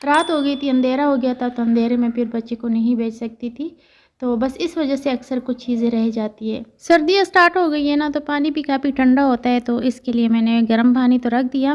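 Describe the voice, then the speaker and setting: A woman in her thirties with a Pakistani Urdu accent chats casually while doing household chores as a family vlogger, rambling with lots of fillers. Her voice is high-pitched and a little mellow, with fairly even intonation and a fairly quick pace.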